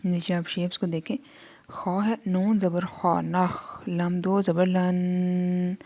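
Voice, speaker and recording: Slow, mellow-voiced woman teaching Quran reading. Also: lowish voice, level tone. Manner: slow syllable-by-syllable drilling, then quick explanations. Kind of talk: spelling out syllables in a slow lesson.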